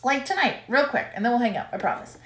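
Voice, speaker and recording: A woman's voice: fairly high pitch, very animated, fast, fairly bright tone. Woman, 30s, bubbly live-stream co-host; casual, chatty, echoey home room. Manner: chatty, bubbly, laughs often.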